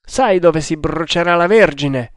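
A man's voice: fairly high pitch, unhurried, no room sound, studio quality, pitched above the performer's own voice, close to an everyday voice. A man voicing a bold, desperate Indian hunter with an urgent, raised delivery in an audiobook. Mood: questioning. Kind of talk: audiobook character voice.

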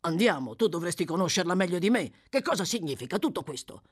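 The reader voices a rough, short-tempered male thief in an audiobook, grumbling bluntly. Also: medium pitch, sing-song, quick pace, dry recording, studio quality. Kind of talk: audiobook character voice.

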